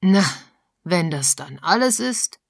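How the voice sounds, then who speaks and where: A slyly sharp older lady muses unhurriedly, as a woman reads her lines. Her voice is low, gravelly and husky. The sound is close and dry. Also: lively intonation, slow pace, no room sound, exaggerated voice. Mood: musing.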